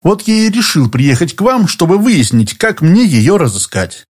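A man voicing a calm, insistent lawyer. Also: high-pitched, breathy edge, pitched above the performer's own voice, full character voice. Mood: earnest. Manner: even, deliberate and insistent. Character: calm, persistent male lawyer.

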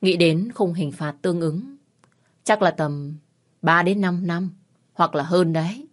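A woman voices a young male lawyer for an audio drama, pitching herself on the low side. The character comes across as composed and self-assured, his measured delivery quietly menacing.

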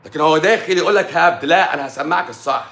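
Fast-talking combative Egyptian man. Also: fairly high pitch, fairly bright tone. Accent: Egyptian Arabic. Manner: combative, rapid rhetorical questions. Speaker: doctor. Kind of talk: live-stream rant. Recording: echoey room.

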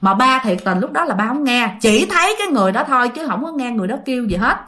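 A woman's voice: a little high, expressive, fast, pushed and bright. A woman telling a listener's ghost story in a chatty way, speaking straight to her listeners. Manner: chatty, addresses listeners directly.

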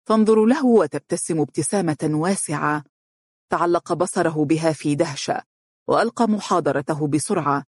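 A narrator with an Egyptian accent reading a novel aloud in a steady, formal manner. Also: medium pitch, no echo, studio quality. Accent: Egyptian Arabic.

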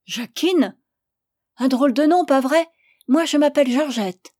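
A woman's voice: unhurried, dry recording, clean studio sound. Woman voicing Georgette, a plaintive peasant girl. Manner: high, loud, plaintive and pleading. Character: sixteen-year-old peasant girl, weary, naive, eager. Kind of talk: audiobook character voice.

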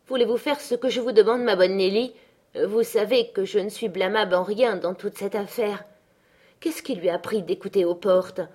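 A woman voicing a proud, quick-tempered young woman in an audiobook, scornful and dramatic. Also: medium pitch, mellow, natural voice. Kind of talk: audiobook character reading.

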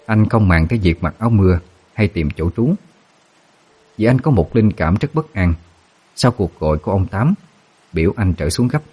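A man narrating a ghost story in a steady, dramatic way. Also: sits low, moderate pace, long pauses, husky.

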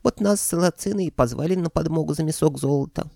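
A man reading an audiobook, voicing the sly left head of a three-headed dragon in a falsetto. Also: quick pace, creaky, dark tone, no room sound, studio quality. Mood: chatty. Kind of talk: audiobook character voice.

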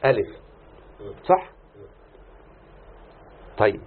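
A man with an Egyptian accent teaching a grammar lesson, questioning his students as he explains. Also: drawn-out words. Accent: Egyptian Arabic. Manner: questioning students, drawing out answers. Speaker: teacher of Arabic morphology. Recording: tinny phone-like recording.

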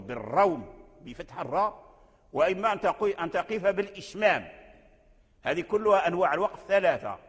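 A Moroccan man gives a lecture on Quranic readings, going back over each point patiently and stopping to chant verses slowly. His voice sits a little high for a man. The room rings with a long, echoing reverb. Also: slightly rough. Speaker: Quran recitation teacher.

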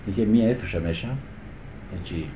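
This older man, a guitar teacher, speaks in a lowish voice as he wanders through memories, frequently asking if people understand. There's a bit of background noise, and the audio has the muffled quality of old tape captured in a reverberant room.

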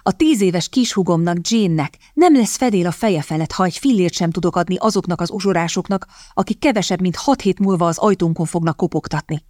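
A proud, strong-willed young lady who presses her point with sharp insistence, voiced by a woman narrator. Her voice sits fairly low, in a dry, close recording without any room sound. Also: few pauses, dry recording, lightly acted. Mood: indignant.

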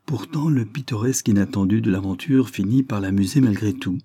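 A man reading a literary short story aloud in a measured, expressive narration. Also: fairly low pitch, breathy edge, no echo, clean studio sound. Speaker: audiobook reader.

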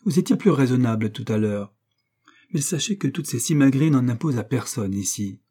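A man's voice: medium pitch, animated, fairly quick, dark tone, husky. A man voicing a cocky, lecherous young Venetian nobleman who mocks and swaggers. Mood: mocking. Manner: mocking, swaggering, raised voice.

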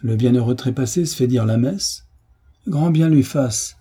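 A man reading aloud in French, voicing a stern, domineering Russian landowner who speaks in curt, commanding questions, with a husky voice. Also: medium pitch, measured pace, warm tone. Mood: curt, scornful.

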